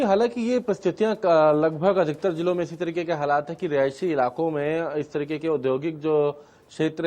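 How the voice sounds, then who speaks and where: A man reporting live as a news correspondent, explaining events in a measured way. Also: on the high side, darkish tone.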